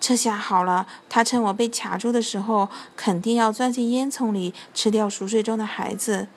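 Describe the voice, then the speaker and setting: A woman's voice: medium pitch, steady tone, normal speed, close to an everyday voice. A kindly old storybook Santa who calls out heartily and grumbles under his breath. A woman voices him without much disguise. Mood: worried.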